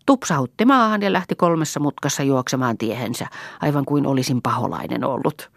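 A woman reading an impulsive, talkative young village woman in an audiobook, lively and emotional. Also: a bass voice, gravelly, no echo, studio quality, heavily acted. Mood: chatty. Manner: lively and chattering, quick to laugh and cry.

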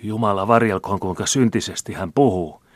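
A deep-voiced man, recorded dry, reads aloud and lightly acts out a greedy old miser, raising his voice above its natural pitch. The character whines and pleads in wheedling self-pity, caught in frightened denial.

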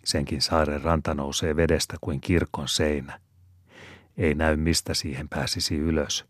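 A man reading a novel aloud as an audiobook narrator, in a steady, measured manner. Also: very deep voice, dry recording, clean studio sound. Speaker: audiobook reader.

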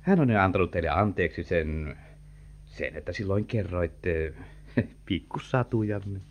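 A sly, flirtatious gentleman who talks with big theatrical swoops, rising and falling all over. It sounds like a dull, lo-fi vintage radio recording. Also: low voice, expressive. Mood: smooth. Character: sly, flirtatious gentleman bearing news of an inheritance. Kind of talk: vintage radio play acting.

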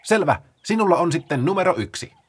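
A man voicing an energetic, bossy female sloth for a children's storybook, with a shrill, loud, excited delivery. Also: husky. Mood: explaining. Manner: excited, rapid calls to rouse others.

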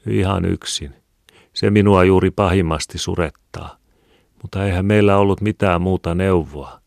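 A humble, grieving poor mother speaks with pious gratitude, as a male audiobook reader voices her. The voice sits very deep and close. The recording is dry, with no room around it. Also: gravelly, darkish tone, dry recording. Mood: humble sorrow. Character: poor exhausted mother, a woman pleading gratefully. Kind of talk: audiobook character reading.

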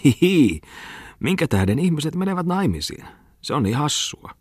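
A man voicing an excitable middle-aged man who rants in a whining, high-pitched voice. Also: slightly rough, no room sound, studio quality. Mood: shrill, whiny.

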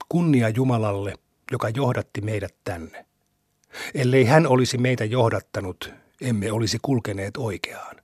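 A man reading scripture aloud in a measured, deliberate way, with his phrase ends trailing off breathy, on a close studio mic. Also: medium pitch, no echo. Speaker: scripture reader.

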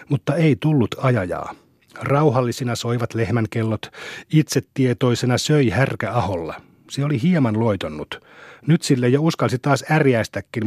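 A man reading a classic novel aloud as an audiobook narrator, telling the story calmly and evenly. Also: mid-range voice, husky, dry recording, clean studio sound. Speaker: audiobook reader.

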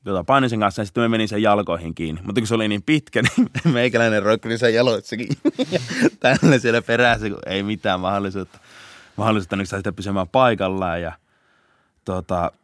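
A young man, a police officer, telling a story in a casual podcast interview, laughing often and shouting out bursts of the chase. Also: lowish voice, no echo, studio quality. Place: podcast studio.

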